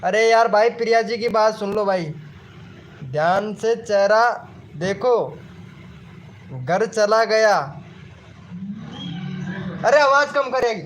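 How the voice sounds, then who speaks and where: A strikingly high-pitched man hosts a casual live stream. He reacts to viewers' comments with excited, repetitive chatter and addresses everyone as brother. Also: slow pace, pauses often, slight background noise.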